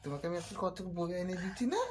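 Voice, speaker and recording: A woman's voice: on the low side, animated, racing. A woman talking to a pet at home in a cooing, sing-song way. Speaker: pet owner. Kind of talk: casual home chat with a pet. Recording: very noisy home recording.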